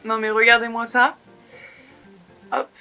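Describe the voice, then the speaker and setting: A woman's voice: fairly high pitch, flat delivery, measured pace, sharp tone, faint music behind. A woman vlogger chatting casually through an unboxing, bubbly and playful, talking straight to her viewers. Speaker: beauty vlogger.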